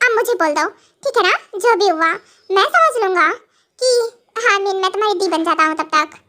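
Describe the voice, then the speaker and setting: A woman's voice: extremely high pitch, lively intonation, normal speed, pushed and bright, exaggerated voice. A woman voicing an exasperated young male professor who scolds his wife in a fan audio drama. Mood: scolding.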